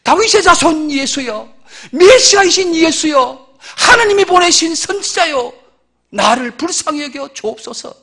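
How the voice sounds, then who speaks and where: A man preaching while voicing a desperate blind man crying out for mercy in drawn-out, pleading calls. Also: extremely high pitch, expressive, pushed and bright, pitched above the performer's own voice, exaggerated voice.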